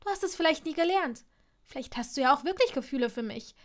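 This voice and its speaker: A fiery young witch pushes every phrase hard, raising her bright, high voice with strong emphasis, as a woman reading an audiobook plays her. She sounds proud and stubborn. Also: lively intonation, quick pace. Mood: sad. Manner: loud, heated, emphatic. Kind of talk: audiobook reading of fan fiction.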